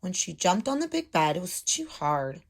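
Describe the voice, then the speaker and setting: Reading a storybook aloud to children in a small room at home, a woman in her thirties takes a teacher's role and explains things step by step. Her voice is on the low side and gravelly, sing-song in delivery, at a normal speed.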